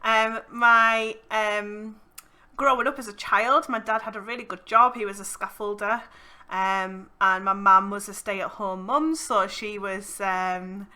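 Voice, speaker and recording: A woman's voice: mid-range voice, fairly even intonation, measured pace, pushed and bright, clear, resonant tone. A woman hosting a podcast, talking in a casual, conversational and giggly way. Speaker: podcast host.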